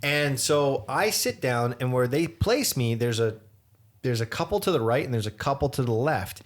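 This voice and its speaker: A man in his forties, co-hosting a podcast and telling a story in a casual, animated way. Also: mid-range voice, normal speed. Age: 40s. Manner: animated storyteller, acts out quoted voices. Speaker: podcast co-host.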